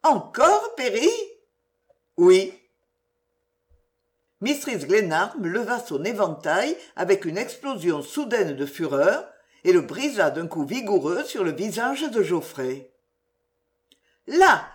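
A woman with a fairly low voice narrates an audiobook in a measured, expressive storytelling manner.

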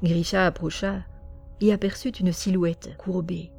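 A woman narrating an audiobook in a slow, even storytelling manner. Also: lowish voice, creaky, soft background music.

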